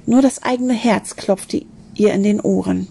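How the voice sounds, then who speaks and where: A woman's voice: mid-range voice, fairly even intonation, unhurried, creaky, mellow, a little hiss or hum. A woman reading a children's story aloud, expressively, with small slips and restarts. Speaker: narrator.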